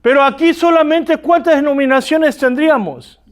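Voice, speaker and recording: He speaks at a normal pace in a very high-pitched voice, marked by an Argentine accent. The man, an Argentinian seminary lecturer, is teaching a class and keeps posing rhetorical questions to the students.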